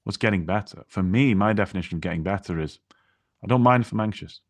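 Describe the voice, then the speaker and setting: A man's voice: lowish voice, fast, dry recording. A man co-hosting a podcast, talking through his own experience in a reflective, casual way with frequent restarts. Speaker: podcast co-host.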